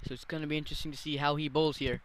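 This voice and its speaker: A man giving live ball-by-ball cricket commentary as a commentator who gets excitable at big moments. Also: fairly high pitch, very fast, noisy background.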